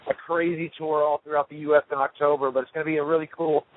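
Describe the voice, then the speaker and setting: A man in a band, talking casually over the phone from a tour RV, relaxed and rambling with lots of fillers. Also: a little high, fast. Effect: heard over a phone line. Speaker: touring rock band member interviewed as guest. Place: tour RV on the road. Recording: tinny phone line.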